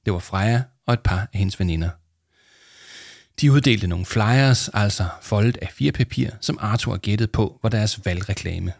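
A man calmly reading a children's book aloud as narrator. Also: lowish voice, gravelly, no room sound, studio quality.

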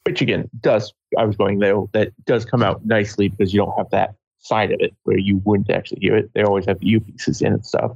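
A man co-hosting a casual film discussion, rambling with halting restarts, on a dull lo-fi recording. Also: on the low side, little pitch movement, gravelly, darkish tone, breathy edge, no room sound.

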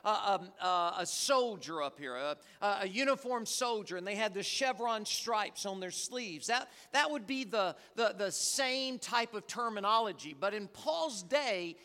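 A male pastor from the United States delivering a Sunday sermon with a very high, bright and forceful voice. He talks animatedly, stumbles over and repeats words, and keeps asking the congregation questions. His voice rings out through a church sanctuary with a long, hall-like reverb.

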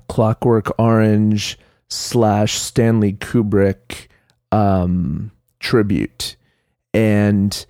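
Nasal low-voiced man chatting. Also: warm tone, dry recording, clean studio sound. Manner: rambling, chatty, many fillers. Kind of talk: casual chat.

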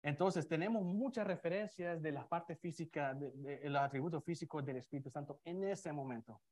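Conversational preacher, man, higher voice. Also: a little fast, a little mellow. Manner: conversational, many restarts and fillers, asks the congregation questions. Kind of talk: expository sermon. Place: church before a congregation with slides.

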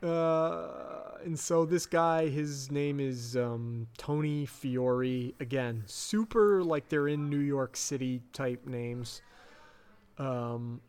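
A man's voice: mid-range voice, takes it slowly, clear, resonant tone. A man co-hosting a podcast, casually recapping a TV episode and acting out the characters' lines. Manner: animated retelling, acting out quotes. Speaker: podcast co-host.

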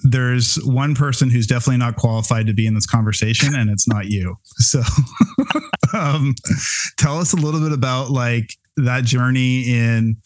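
A man's voice: medium pitch, dry recording. A man hosting a podcast interview, asking questions in a friendly, casual way with a lot of slang. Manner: friendly and casual, uses slang like "bro" and "dude". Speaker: podcast host.

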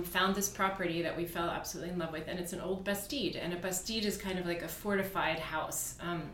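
A woman from Virginia who co-founded a beauty brand chats easily as a guest in a podcast studio, her lowish voice a bit bright and peppered with fillers and restarts. The casual interview is recorded in an echoey room with slight background noise.

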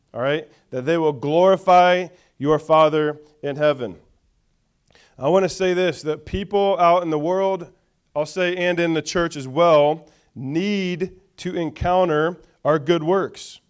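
A man's voice: on the high side, clear, resonant tone. A man preaching a sermon to a church, reading scripture with call-and-response and chatty asides. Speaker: pastor.

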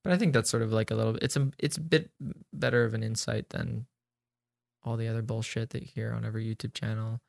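A man's voice: fairly low pitch, steady tone, fast, vocal fry, a little mellow, no echo, clean studio sound. A man hosting a podcast, chatting casually and rambling with lots of fillers and jokes. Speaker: podcast host. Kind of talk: casual chat.

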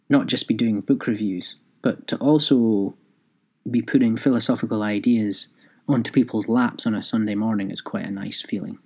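Guy rambling thru his podcast, husky kinda voice, thinks out loud. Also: on the low side. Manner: rambling, thinking aloud, with restarts; reads aloud from his own written review. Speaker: podcast host. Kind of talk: solo podcast monologue.

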